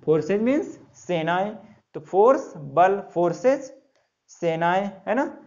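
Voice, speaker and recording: A man's voice: high voice, expressive, slow, a little mellow, dull audio. A male English teacher giving a classroom lesson, spelling words letter by letter and repeating each answer in call-and-response.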